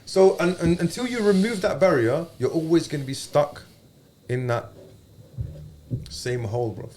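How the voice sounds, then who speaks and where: A man's voice: on the high side, moderate pace, a little mellow, slight background noise. A man with an urban London roadman accent talking casually as a podcast host, using street slang and often checking that he is understood.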